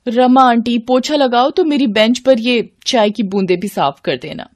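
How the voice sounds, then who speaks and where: A woman's voice: fairly high pitch, normal speed, no room sound, voice pushed up, close to an everyday voice. A woman voicing a spoiled rich college girl in a cartoon story, sneering and bossy.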